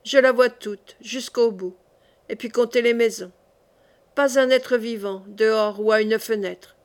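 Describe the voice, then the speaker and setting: Woman, audiobook narration, fantasy short story, measured deliberate delivery, slightly high voice. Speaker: audiobook reader.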